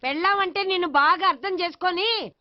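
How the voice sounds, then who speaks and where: A woman's voice: extremely high pitch, fairly quick, muffled recording, slight background noise. A fretful old grandmother. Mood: nagging. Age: older. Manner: nagging, emotional.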